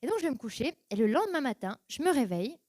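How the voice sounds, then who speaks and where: A woman's voice: high-pitched, big pitch swings, fast, a little mellow, dry recording. A young woman giving a personal church testimony, telling her story casually and acting out her past reactions in quoted voices.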